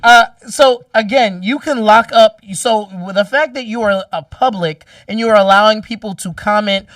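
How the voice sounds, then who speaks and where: A man's voice: high-pitched, moderate pace, a bit bright, no room sound, far from the mic. A man co-hosting a casual podcast debate, explaining his point at length and cutting in with "wait, hold on". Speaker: podcast co-host. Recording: dry room, voice off-mic.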